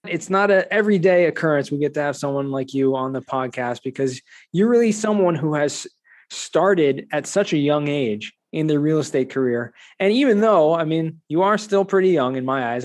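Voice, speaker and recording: A man in his forties hosting a podcast interview, enthusiastic and animated as he introduces and questions his guest. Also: fairly high pitch. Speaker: podcast host.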